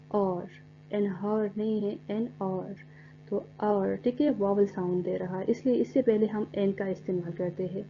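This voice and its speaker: A woman teacher walks through a grammar rule at a patient, methodical pace, breaking words into single letters and drawing out each English example. Her voice sits at an ordinary middle pitch. The recording is dull and lo-fi, with a faint hum underneath. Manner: explains step by step, spells words letter by letter, reads English examples slowly. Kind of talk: recorded classroom lecture.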